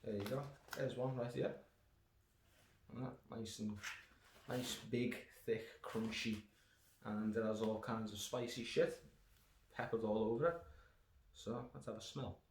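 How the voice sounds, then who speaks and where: In an echoey room with faint noise, a man from the United Kingdom delivers a rambling, casual snack review laced with sarcasm, swearing and tangents. He speaks on the low side in a steady tone, unhurried, with long pauses.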